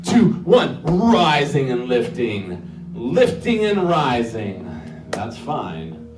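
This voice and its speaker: A man hosting a live stage hypnosis show, giving commanding, repetitive instructions with drawn-out phrases. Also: medium pitch, recorded from a distance. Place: live show venue with audience. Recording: echoey live stage, crowd noise.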